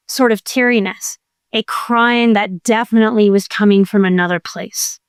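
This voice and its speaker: A woman's voice: fairly high pitch, dry recording, studio quality. A woman hosting a podcast as an emotional coach, talking in a playful, earnest and folksy way. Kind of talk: conversational podcast monologue.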